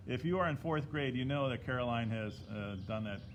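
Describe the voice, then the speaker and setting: A man's voice: mid-range voice, brisk, background noise. A man chatting casually while leading a drawing lesson to a live audience, greeting viewers by name along the way. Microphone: tablet microphone.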